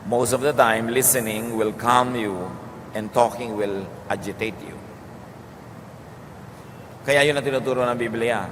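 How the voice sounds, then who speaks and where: A man with a Filipino accent giving a calm teaching sermon, moving between Tagalog and English. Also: mid-range voice, unhurried, pauses often. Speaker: preacher. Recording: long hall reverb with faint noise.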